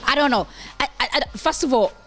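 Young Ugandan woman talk host, playful and teasing, a little high-pitched, handheld mic. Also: animated, fairly quick, fairly bright tone. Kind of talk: casual talk-show chat. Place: hair salon studio set.

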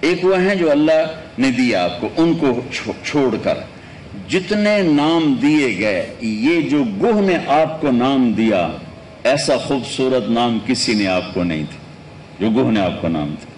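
A male preacher telling stories in a sermon, swinging between loud, raised lines and soft, low ones. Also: expressive, a little hiss or hum, poor audio. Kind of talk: storytelling sermon.

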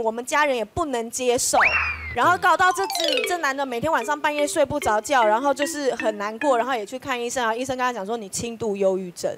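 Woman, high quick voice, goes over the story again and again. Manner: repetitive, retells events step by step. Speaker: panel guest. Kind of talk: talk-show storytelling. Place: TV studio. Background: music.

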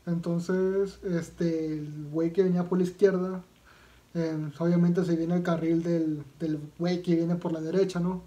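A man's voice: fairly high pitch, level tone, a little slow, warm tone. A man with a Mexican accent doing casual reaction commentary as a video vlogger, talking in a slangy, profane way with lots of fillers and restarts.

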